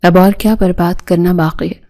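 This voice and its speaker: A woman's voice: fairly low pitch, steady tone, warm tone, natural voice. A woman reading the lines of a frightened young woman who accuses through tears. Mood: tearful. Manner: tearful, accusing.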